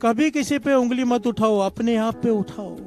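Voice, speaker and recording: Male satsang preacher, high-pitched, tells parables and leads call-and-response refrains, soft music under him. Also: moderate pace. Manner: calls himself a humble servant and tells simple parables. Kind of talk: devotional sermon with storytelling.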